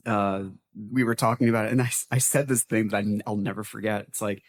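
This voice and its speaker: A man's voice: fairly low pitch, fairly even intonation, brisk. A man hosting a casual podcast chat, telling long rambling stories and cracking jokes. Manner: rambling, joking storyteller. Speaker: podcast host.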